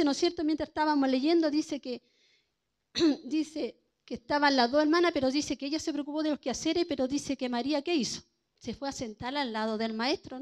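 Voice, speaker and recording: A woman preaches in a high voice. She keeps her sermon conversational and keeps checking in with her congregation through questions. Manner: conversational, keeps asking "¿no es cierto?".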